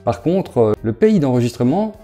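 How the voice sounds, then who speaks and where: A man giving a casual screen walkthrough as a YouTuber, talking straight to the viewer and halting with fillers. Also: mid-range voice, sing-song, dark tone, faint music behind. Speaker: crypto investment YouTuber.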